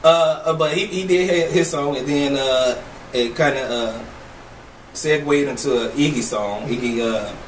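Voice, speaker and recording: A man's voice: mid-range voice, unhurried. A man casually co-hosting a chat show, rambling with many fillers and laughing often. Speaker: co-host. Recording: echoey room, far from mic, faint noise.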